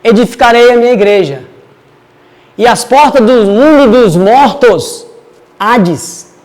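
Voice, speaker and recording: A man's voice: very high voice, animated, slow, darkish tone, big-room sound. A man teaching a casual Bible study, chatty and digressive as he reads verses aloud.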